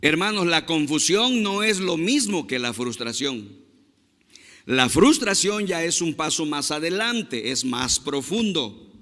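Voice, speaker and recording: A man's voice: a little high, lively intonation, sharp tone, in a large hall. A man preaching a sermon as pastor, emphatic and drawn out on key words, speaking to his congregation. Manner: emphatic, slow stresses on key words, addresses the congregation as brothers. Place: church.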